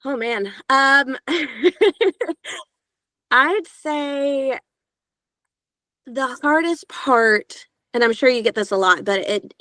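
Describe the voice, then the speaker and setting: This audiobook narrator from Georgia in the US speaks slowly and pauses often, her higher-pitched, young-sounding voice carrying a sharp tone. Chatting casually in an interview, she fills her speech with filler sounds. The recording is dry.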